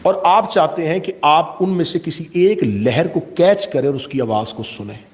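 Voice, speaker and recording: A man's voice: a little high, a little mellow. A middle-aged man preaching a sermon to a gathering, impassioned and full of rhetorical questions. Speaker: Shia cleric giving a majlis.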